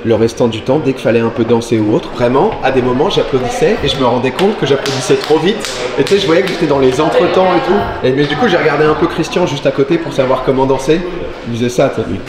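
A young man talks to camera in a loose, jokey, slangy vlog style at an ordinary pitch. His voice bounces with a long hallway echo, with music playing behind him. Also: quick pace. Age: young adult. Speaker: vlogger, dance contestant. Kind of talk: casual vlog chat. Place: large indoor dance studio. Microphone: camera microphone, no body mic. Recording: very echoey room, music behind.

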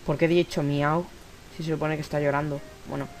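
A man's voice: on the high side, little pitch movement, fast talker, soft background music, rough recording. A man with a Spanish accent from Spain giving casual gameplay commentary, rambling, talking to himself and swearing now and then. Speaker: let's play gamer.

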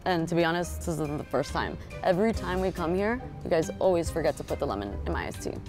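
A woman's voice: low voice, lively intonation, quick pace, over music. A woman playing a rude, complaining mother. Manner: complaining, entitled, sharp. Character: rude, demanding mother who complains constantly. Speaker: actor in a web skit. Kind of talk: scripted skit acting.

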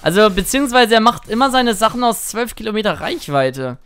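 A young man chatting excitedly through live gameplay commentary as a streamer, now and then singing or shouting at a play. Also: high-pitched, brisk, clean tone. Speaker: gaming streamer.

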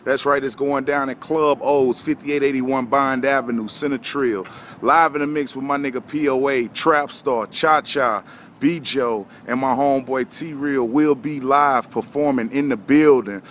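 A man's voice: steady tone, unhurried, fairly bright tone. A man in his thirties talking in hyped-up street slang like a hype ad, promoting a club night as an informal hype man. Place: outdoors beside a brick wall at a parking lot. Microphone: phone at arm's length. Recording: noisy outdoor phone recording, traffic rumble.

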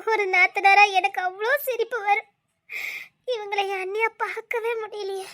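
Woman as young grieving sister, very high shrill voice, tearful. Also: little pitch movement, moderate pace, sharp tone. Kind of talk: web series acting.

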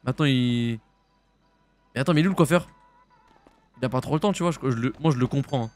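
A young French man streaming a roleplay game, chatting casually in slang and jumping into high shouts. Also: soft background music. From France. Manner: casual slangy banter, quick jumps to high-pitched shouts. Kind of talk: live-stream roleplay chat.

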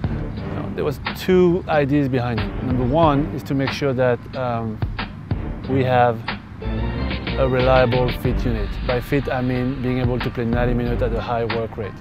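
A man, a coach, giving a documentary interview in a measured way, with pauses. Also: mid-range voice, fairly even intonation. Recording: background music under the voice.

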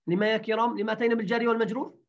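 A woman teaching a grammar lesson, repeating words slowly and quizzing her students. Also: a little high, fairly even intonation. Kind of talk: grammar lesson to an online class. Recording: dull lo-fi recording.

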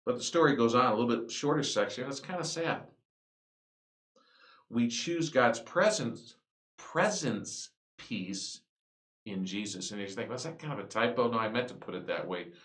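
A man preaching a sermon as pastor, animated and building to emphatic declarations. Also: mid-range voice, fairly quick. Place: church. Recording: echoey church hall.

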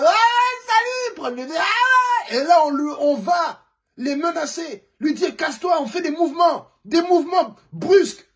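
A man doing a comic, indignant football rant to camera, firing rhetorical questions and swinging between shouting and low muttering. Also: breathy edge. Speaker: comedian commentator.

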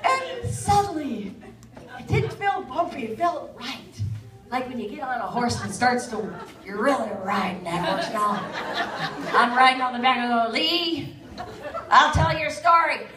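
Animated woman telling a story in a hall. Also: moderate pace. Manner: animated, jumps into high quoted voices. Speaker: guest speaker. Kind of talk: storytelling talk to an audience. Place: event hall. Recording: echoey room, distant mic, crowd.

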